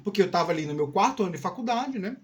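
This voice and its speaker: Speaking very fast and with lots of animation, a man from Piauí, Brazil hosts a video of casual career advice in a high-sitting voice. He rambles informally, frequently repeating words and pausing to check in with the listener.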